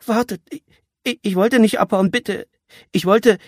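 A man's voice: sits high, steady tone, unhurried, no echo, clean studio sound, pitched above the performer's own voice. A man voicing a terrified teenage boy captive, sobbing and pleading. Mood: panicked pleading.

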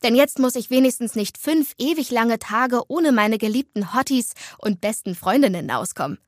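A chatty, playful teenage schoolgirl with a fairly high, bright voice, as a woman puts her on. She tells her story with dramatic flair and loves to tease her best friend. The storybook reading is close and dry, with no room sound. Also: lively intonation, no echo, natural voice. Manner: bubbly, quick, dramatic. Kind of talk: storybook dialogue.

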